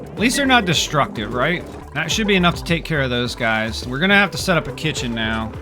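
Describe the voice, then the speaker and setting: Talking briskly over background music, a man with a slightly high, very animated voice narrates the game he's playing. His commentary is exasperated and sarcastic, full of grumbling at his characters.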